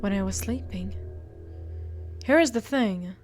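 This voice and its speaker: Speaking at a measured pace over music, a woman with a medium-pitched voice reads a visual novel aloud as a game streamer doing a walkthrough. She stumbles on words and keeps breaking off into blunt, playful asides.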